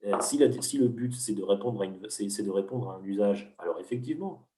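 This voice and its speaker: This economics teacher's voice sits on the low side, warm in tone and fairly quick. Being interviewed, he teaches patiently and didactically, though he often hesitates and restarts, and he sounds distant in a roomy space.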